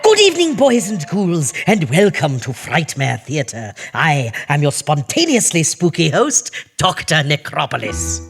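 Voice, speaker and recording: A man's voice: on the high side, vocal fry, fairly bright tone, exaggerated voice. A man hamming up a campy spooky horror host. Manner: campy, theatrical, melodramatic. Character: theatrical spooky male horror-show host, campy and hammy. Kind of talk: comedy horror-host sketch.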